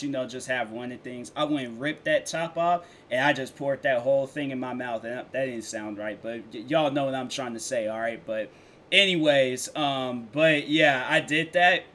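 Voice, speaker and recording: A man's voice: mid-range voice, bright, forceful tone, slight background noise. Young American man reacting casually. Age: young adult. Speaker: reaction video host. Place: small indoor room, headset on.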